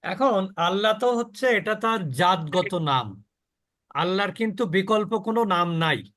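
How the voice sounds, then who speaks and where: Teacher, male, high pitch, slow deliberate delivery, questions the class, stretches the model words. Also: expressive, fairly bright tone. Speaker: Quran recitation teacher. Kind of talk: Quran pronunciation lesson.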